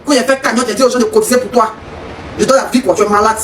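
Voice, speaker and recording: A woman's voice: fairly high pitch, steady tone, very fast, roomy sound, far from the mic, a little hiss or hum. A woman with an Ivorian French accent, ranting accusingly in a heated live stream, repeating herself and laughing scornfully. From Côte d'Ivoire. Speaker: social media personality.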